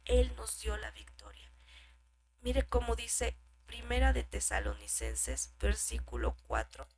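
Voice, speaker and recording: A woman preacher delivers a sermon in a somewhat high, gravelly voice. She asks rhetorical questions and swings from loud emphasis down to hushed whispers. A faint hum sits behind her. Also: big pitch swings, a little slow.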